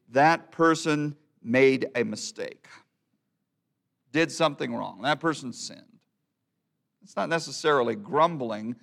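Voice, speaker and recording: A man's voice: fairly high pitch, gravelly, fairly bright tone. A man preaching a sermon, talking plainly to his congregation and reading an old hymn poem aloud with rising emphasis. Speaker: pastor.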